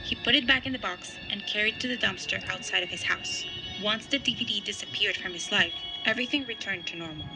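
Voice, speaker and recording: A woman reading a scripted horror story in an even, measured way. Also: mid-range voice, creaky, rough recording. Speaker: narrator. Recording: music playing underneath.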